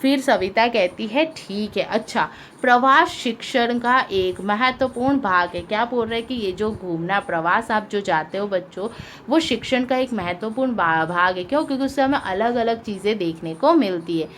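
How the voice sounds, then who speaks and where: A woman's voice: on the high side, animated, moderate pace, a bit bright, slight background noise. Patient woman teacher explaining line by line. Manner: patient, asks pupils questions, translates line by line. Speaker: school teacher. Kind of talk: explaining a Sanskrit lesson in Hindi.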